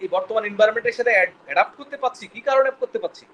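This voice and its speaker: A man's voice: sits high, very fast, highs cut off, a loud crowd. A man teaching a biology class, quizzing students and mixing English terms into his explanations. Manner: quizzing, mixes English terms, stumbles over words. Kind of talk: classroom lecture with questions to students.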